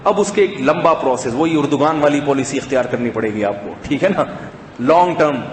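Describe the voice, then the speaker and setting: A man's voice: fairly high pitch, a little hiss or hum. Man preaching in an echoey mosque. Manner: swings between raised emphatic calls and hushed soft asides. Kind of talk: mosque sermon.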